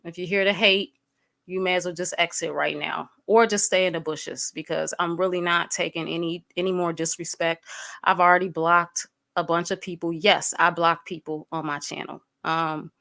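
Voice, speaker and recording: Her voice is fairly low and sharp with vocal fry, moving little in pitch, at a moderate pace. A woman in her thirties hosting a casual stream, she swears freely, gets fired up, talks bluntly with plenty of fillers, and speaks straight to her chat, naming viewers as she greets them.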